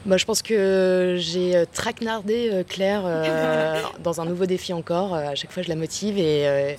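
A woman's voice: fairly low pitch, normal speed, darkish tone, slight background noise. A woman, a doctor, chatting enthusiastically about a race with lots of hesitations. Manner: enthusiastic, many fillers. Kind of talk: casual interview. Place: outdoors in Cambodia.

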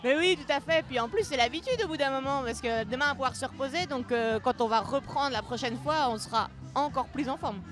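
A woman's voice: high voice, brisk, few pauses. A woman competing in an adventure race, answering enthusiastically in a casual interview with faint music behind. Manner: upbeat, enthusiastic. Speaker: race participant.

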